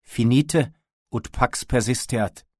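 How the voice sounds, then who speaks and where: Man doing a tall male leader, solemn, insistent, slow and beseeching, deep voice, dry close sound. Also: husky, no room sound. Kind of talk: audiobook character voice.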